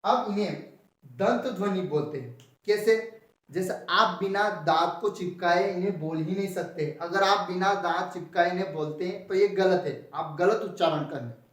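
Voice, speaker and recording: A man's voice: high-pitched, normal speed, a bit bright. A young man teaching a Hindi lesson, drilling each term by asking the class what it is called and answering himself. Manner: repeats key terms as rhetorical questions. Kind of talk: explanatory Hindi grammar lesson. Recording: echoey room, voice from far off the mic.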